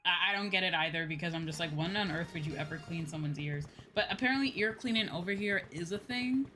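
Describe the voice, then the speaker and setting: Fast, pushed and bright, this woman's lowish voice comes with a little hiss or hum. She's a streamer and VTuber host who games while chatting with her viewers, rambling, repeating phrases and swearing freely, with video game music in the background.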